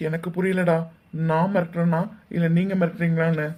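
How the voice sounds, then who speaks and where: High-voiced man scolding sarcastically. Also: little pitch movement, a little fast, a little mellow. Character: young man, a protective brother facing the groom's family. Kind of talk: cartoon dialogue acting.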